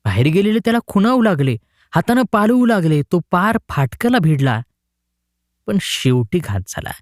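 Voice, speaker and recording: A man narrating a short story in an expressive storytelling manner. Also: sits high, moderate pace, dry recording, studio quality.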